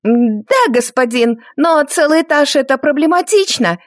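A woman's voice: high voice, lively intonation, moderate pace, no room sound, clean studio sound, voice pushed up. A woman voicing a tired, heavily made-up brothel madam who speaks nervously and deferentially.

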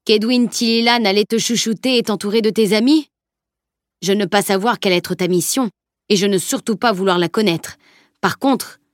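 A woman's voice: mid-range voice, no echo, close to an everyday voice. A blunt, wry male archer from an audiobook, as a woman narrator puts him on, mangling his grammar as he lays out hard truths. He speaks evenly and plainly, with a dry, close sound.

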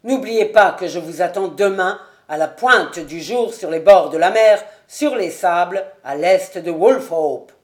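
Woman doing a stern, loud, low-voiced colonel bent on a duel. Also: a little slow, hardly any pauses, lightly acted. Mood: furious. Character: vengeful grieving nobleman, a colonel.

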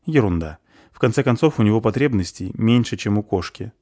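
A powerful nobleman, calm and unsentimental, with a dry, matter-of-fact manner, as a man reads him. The tone is warm and low in a dry space. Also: brisk, no echo.

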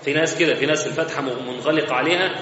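Speaking fast in a fairly high, slightly bright voice, this Egyptian-accented religious teacher explains his mosque lesson step by step, conversationally. The large hall gives the audio an echo and a slightly muffled quality, plus a little hiss or hum.

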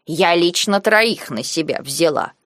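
A woman reading the part of a proud, buxom maid with rustic, drawn-out speech. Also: fairly low pitch, animated, a bit bright, dry recording, studio quality.

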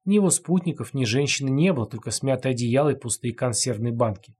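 Husky male audiobook narrator. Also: mid-range voice, fast, darkish tone.

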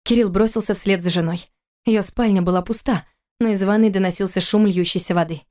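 A woman reading an audiobook in an even, measured way. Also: mid-range voice. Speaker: audiobook narrator. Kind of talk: scripted narration.

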